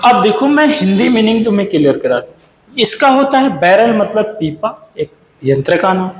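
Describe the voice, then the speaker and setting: A man's voice: sits high, very animated, moderate pace. A young man teaching exam vocabulary, quizzing students in a sing-song way and mixing Hindi with English words. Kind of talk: exam-prep lesson going through slides. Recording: echoey room with faint noise.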